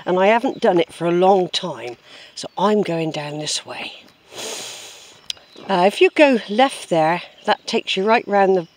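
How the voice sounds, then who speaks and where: A walking vlogger, chatting casually and musing aloud outdoors on a woodland track, recorded on a handheld camera. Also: mid-range voice. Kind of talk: rambling casual commentary while walking. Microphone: handheld camera's built-in microphone.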